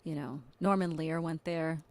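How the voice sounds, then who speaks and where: A woman's voice: low voice, fairly even intonation, normal speed, vocal fry, darkish tone. A woman co-hosting a podcast in casual chat, rambling with many restarts and fillers. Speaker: podcast co-host.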